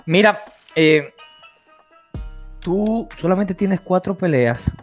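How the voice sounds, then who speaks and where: A man hosting an interview show, excitable and full of restarts and repeated phrases. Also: high-pitched, slow pace, soft background music. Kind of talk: casual interview.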